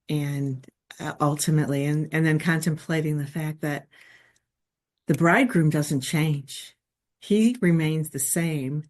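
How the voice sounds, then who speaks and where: A woman with a very low voice muses slowly in a faith discussion group. She speaks hesitantly and takes her time to find each phrase. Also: a little mellow. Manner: slow, musing, hesitant.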